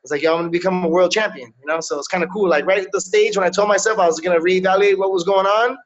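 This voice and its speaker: An MMA fighter from Miami, in his thirties, joins a casual video-call interview from a small indoor room and talks in a loose, rapid-fire way with a steady tone. He keeps saying "yo" and "you know what I'm saying," and his voice sits high for a man. The webcam sound is a bit dull and lo-fi.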